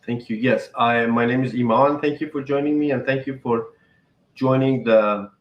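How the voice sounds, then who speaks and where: Halting Iranian-born man hosting a live stream. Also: medium pitch, fairly even intonation, echoey room, highs cut off. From Iran. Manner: halting, chatty, talks to viewers. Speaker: live podcast host. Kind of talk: casual live-stream chat.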